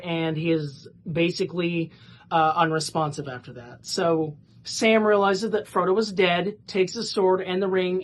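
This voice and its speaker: A woman's voice: fairly low pitch, a little hiss or hum. A woman giving a casual, rambling plot summary for a book review, with lots of fillers and restarts.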